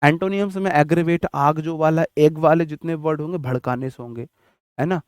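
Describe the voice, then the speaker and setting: Brisk and smooth, with a voice on the high side and fairly even intonation, this man jokes his way through exam-prep vocabulary, weaving in memory tricks and childhood anecdotes in a chatty style. It's a dry recording with clean studio sound.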